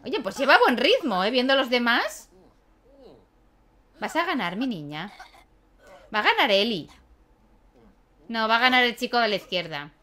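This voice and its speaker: A woman's voice: fairly high pitch, very animated, normal speed, sharp tone. A young woman, chatting casually as she plays a life-sim game and talks to her characters, laughing often. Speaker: gaming YouTuber. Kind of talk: casual let's-play commentary.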